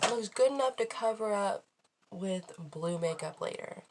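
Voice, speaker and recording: A woman's voice: lowish voice, creaky, a little hiss or hum. A woman talking casually through a makeup tutorial in a rambling, self-deprecating, sweary way. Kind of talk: casual chatty tutorial talk while applying makeup.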